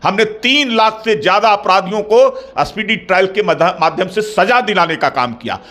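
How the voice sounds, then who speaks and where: A middle-aged man, speaking as a party spokesperson in a formal interview, measured and repetitive, building into firm claims. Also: sits high, animated, bright, forceful tone. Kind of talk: formal political interview answers.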